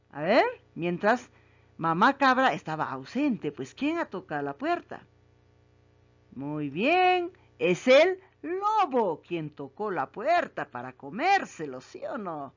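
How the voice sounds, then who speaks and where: A woman teacher asks children questions about a story, repeats each question, and then confirms the right answer. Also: mid-range voice. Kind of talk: reading comprehension quiz for children. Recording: muffled lo-fi recording.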